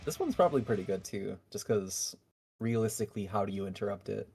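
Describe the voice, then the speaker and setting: A man commentating a fighting game tournament, chatty in his analysis with bursts of loud excitement. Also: fairly low pitch, fast talker, creaky, soft background music.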